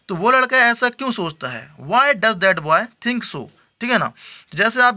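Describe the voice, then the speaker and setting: A man with a high, very bright and sharp voice teaches spoken English. He explains patiently, checks in often with his learners and repeats his example sentences slowly. The recording sounds dull and lo-fi. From India. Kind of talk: Hindi-language English lesson.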